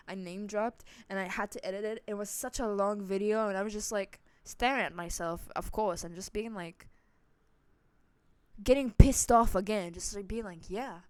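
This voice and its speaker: A woman's voice: clean tone, no room sound. Rambling young woman vlogger, swearing freely. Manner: rambling, swears a lot, many fillers and restarts; dramatic swings in loudness and pitch. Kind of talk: casual storytime monologue.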